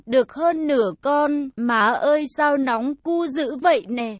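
Slow high-voiced woman telling a story. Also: dry recording. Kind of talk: first-person story narration.

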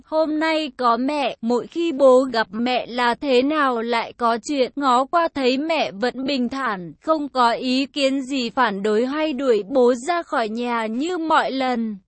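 Slow high-voiced woman telling a story. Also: dry recording. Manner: slow, lively storytelling with acted quotes. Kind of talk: first-person story narration.

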